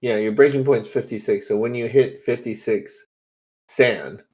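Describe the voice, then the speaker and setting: A man running a tabletop horror game as game master, easygoing and quick to laugh. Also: medium pitch, darkish tone, husky.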